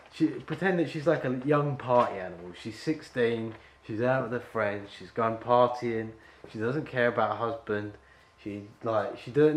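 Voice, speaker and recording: A man directing an actor at an audition, rambling and full of fillers as he explains the scene. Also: medium pitch. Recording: echoey room with faint ambience.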